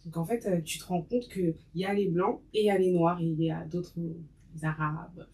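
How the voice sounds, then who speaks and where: Give me a woman in her twenties speaking frankly on a podcast, low voice, mic a bit distant. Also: fairly even intonation, brisk, dark tone. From France. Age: 20s. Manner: frank, with many fillers. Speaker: guest. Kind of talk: conversational testimony.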